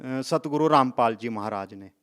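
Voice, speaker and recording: A man's voice: medium pitch, moderate pace, a bit bright, clean tone. A man in his fifties from Haryana, giving an earnest testimony in an interview, speaking in short phrases and adding polite "ji" endings. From Haryana, India. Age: 50s. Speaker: interviewee, devotee.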